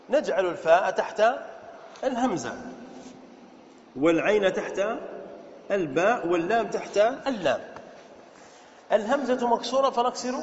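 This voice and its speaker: High-voiced man teaching in an echoey hall. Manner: explains step by step, repeats, quizzes listeners with questions; slows down to spell out pattern words. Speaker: sheikh teaching Arabic morphology. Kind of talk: classroom lesson. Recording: dull, echoey hall with faint noise.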